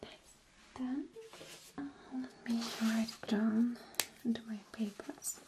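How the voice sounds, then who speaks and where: A woman whispering softly and soothingly as a doctor in an ASMR roleplay. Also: on the high side, flat delivery, slow pace, background noise. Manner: soft whispering, gentle and soothing. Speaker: ASMR creator.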